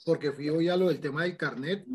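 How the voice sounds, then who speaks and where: A man with a somewhat high voice chats casually before class. He relays campus news in a chatty way. The talk is informal and loose. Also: fairly quick, a crowd in the background. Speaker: law student.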